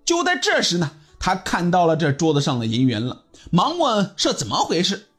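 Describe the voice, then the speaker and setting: A man telling a story in an animated, dramatic way and voicing all of its characters. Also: high voice, normal speed, husky, faint music behind. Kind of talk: storytelling narration.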